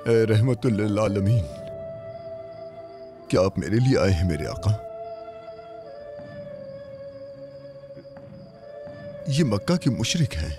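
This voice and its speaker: A bold, devout preacher who calls out his message with burning conviction. His voice swoops up and down with lively pitch. A film score plays under it. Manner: fervent, proclaiming. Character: devout fearless male preacher of the faith. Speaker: dub actor. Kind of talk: Urdu film dubbing.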